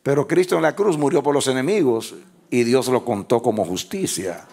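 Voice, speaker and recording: A man preaching a sermon as pastor, who leads his congregation in call-and-response and rises into shouted, half-sung phrases. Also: medium pitch, moderate pace, creaky, husky. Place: church with congregation.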